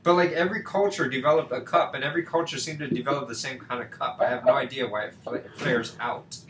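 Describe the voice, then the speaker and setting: Over a video call on a computer mic, a man with a medium-pitched voice tutors math fast and casually, full of fillers and rhetorical questions and frequent "right?" check-ins. There's a noticeable room echo and a faint background hiss.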